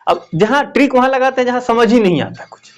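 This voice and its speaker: A man's voice: very high-pitched, animated, fast talker. A male teacher giving a classroom lesson, often asking questions and repeating the answers.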